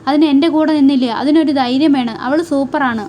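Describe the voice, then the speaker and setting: A woman's voice: high voice, fairly even intonation, fast, dark tone, slight background noise, natural voice. A woman voicing a playful older brother who teases and lectures his younger brother about love. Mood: teasing. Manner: teasing, lecturing.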